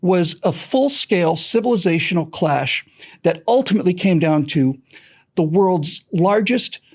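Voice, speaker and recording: An American man being interviewed about his podcast speaks in a high-pitched, creaky voice, a little slowly and expressively. His explanations are animated and emphatic, told as dramatic stories with frequent self-corrections.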